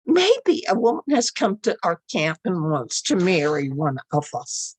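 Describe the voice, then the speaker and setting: A woman's voice: on the low side, very animated, unhurried, darkish tone, husky, no echo, full character voice, low-quality recording. A woman storyteller voicing curious young brothers, questioning and wondering, in a traditional story. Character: group of curious, puzzled young men, brothers.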